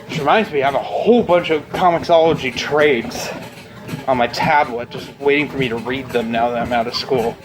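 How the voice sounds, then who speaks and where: A man's voice: medium pitch, normal speed, poor audio. A young man chatting casually and bluntly while walking on a treadmill, rambling and swearing freely as a video blogger. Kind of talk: casual unscripted chat to camera.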